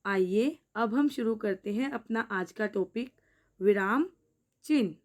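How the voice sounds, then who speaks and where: A woman hosting her own teaching channel, explaining a grammar lesson slowly and deliberately and addressing her viewers as friends. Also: mid-range voice. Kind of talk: scripted Hindi grammar lesson.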